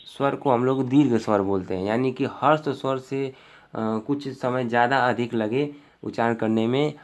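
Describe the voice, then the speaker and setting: A male teacher giving an exam-prep grammar lesson, explaining step by step and often repeating himself with fillers. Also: mid-range voice.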